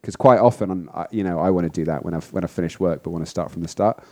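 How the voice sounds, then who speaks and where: Mellow-voiced man chatting about surfing. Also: sits low, fast talker. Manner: chatty, self-deprecating, laughs easily. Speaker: podcast co-host. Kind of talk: casual chat.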